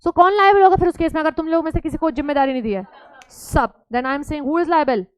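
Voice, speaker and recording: A woman's voice: sits high, a little fast, no room sound. A woman teacher giving a classroom lecture, switching between Hindi and English and teasing her students.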